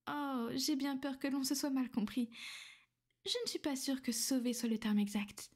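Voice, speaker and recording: In an intimate ASMR roleplay, a woman voices a soothing vampire noblewoman, speaking gently, often in a hushed whisper, with a high, soft voice at a moderate pace. The mood is calm and matter-of-fact, her character caring on the surface yet possessive underneath.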